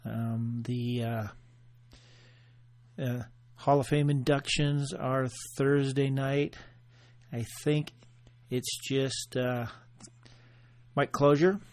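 A man hosting his own podcast alone, chatting in a loose, offhand way and thinking aloud with pauses. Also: medium pitch, level tone, darkish tone. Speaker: podcast host. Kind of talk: casual solo podcast monologue.

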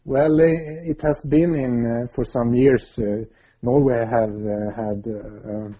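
A man's voice: medium pitch, fairly even intonation, slow pace, warm tone, slightly rough. A man with a Swedish accent, a guest in a remote interview, talking hesitantly with many filler sounds. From Sweden. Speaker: guest, adventure racer. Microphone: video or internet call. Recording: muffled lo-fi call audio.

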